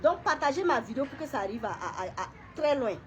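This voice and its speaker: Woman, high voice, middle-aged, emotional testimony, halting and repetitive, faint background hum. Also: expressive, dull audio. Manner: halting, repeats words, pauses and clears throat. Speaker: woman sharing a personal story. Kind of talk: emotional personal testimony to camera.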